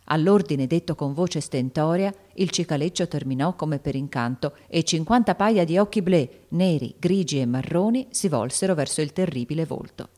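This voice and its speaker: A woman reading a classic novel aloud in an expressive, dramatic storytelling manner. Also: deep voice, moderate pace, few pauses. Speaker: audiobook narrator. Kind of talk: scripted narration of a classic novel.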